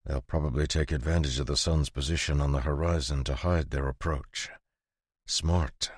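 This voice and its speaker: A man voicing a calm, curt young swordsman who speaks steady and unhurried. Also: a bass voice, husky, no echo, clean studio sound.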